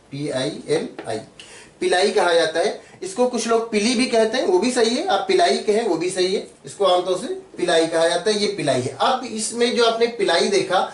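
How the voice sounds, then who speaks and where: A man's voice: high voice, echoey room, distant mic. A man teaching biology step by step, patiently repeating terms and spelling them out as he draws. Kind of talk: step-by-step drawing tutorial.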